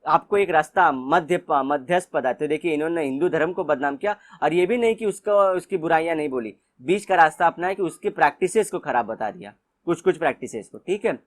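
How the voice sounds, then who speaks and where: A young man with an Indian accent giving an exam-prep lecture, explaining in Hindi mixed with English and reading textbook lines slowly. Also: fairly high pitch, expressive. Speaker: teacher.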